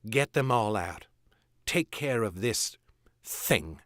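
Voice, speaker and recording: A man's voice: lowish voice, lively intonation, slow, fairly bright tone, no echo, studio quality. A man reading aloud and voicing a fierce young woman warrior, stern and commanding. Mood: grave.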